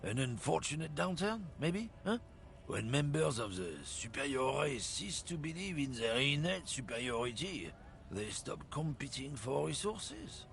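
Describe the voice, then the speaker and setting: Brief: a sneering bigot in a video game, gravelly, heavy accent, swooping lectures. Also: male voice, fairly high pitch, very animated, a little slow, fairly bright tone, heavily acted. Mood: lecturing. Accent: heavy continental European-sounding accent. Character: bigoted middle-aged man preaching racial superiority, scornful.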